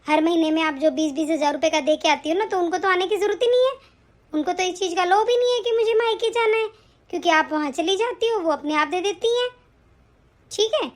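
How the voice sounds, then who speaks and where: A woman voicing a mistreated young wife and mother in an animated story, earnest, pleading and tearful. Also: very high-pitched, brisk. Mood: arguing.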